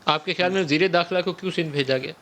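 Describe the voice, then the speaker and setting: A man hosting a political TV talk show, cutting in with brisk, pointed questions. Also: on the high side, fairly bright tone.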